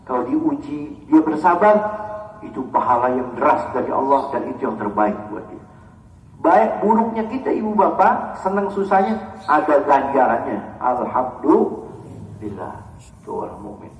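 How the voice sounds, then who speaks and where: A man's voice: mid-range voice, moderate pace, far from the mic. A man preaching a sermon, telling stories acted quotes, recorded from afar in an echoey hall. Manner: lively storytelling with acted quotes. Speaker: religious teacher. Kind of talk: sermon on a classical book.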